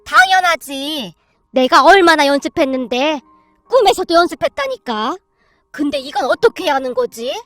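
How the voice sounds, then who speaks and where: A woman's voice: sits high, lively intonation, normal speed, a bit bright, dry recording, soft background music. A woman voicing a meek middle-aged mother-in-law, eager and trying hard to sound tough.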